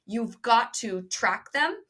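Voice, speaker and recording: A woman guest on a podcast interview, talking emphatically and directly to listeners, with quick bursts of speech. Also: fairly high pitch, animated, fairly bright tone. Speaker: podcast guest, business co-founder. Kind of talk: energetic interview talk.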